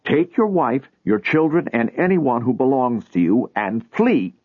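A man's voice: medium pitch, big pitch swings, unhurried, slightly rough, dry recording, pitched above the performer's own voice. A man voicing an agitated, pleading old man who insists on a warning, in a storybook reading. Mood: urgent. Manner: urgent, insistent. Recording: tinny phone-like sound.

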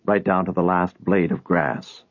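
A solemn heavenly messenger gives stern commands in a low, husky voice, as a man reads him. The sound is dry and narrow, like a phone line. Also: fairly even intonation, unhurried, no room sound.

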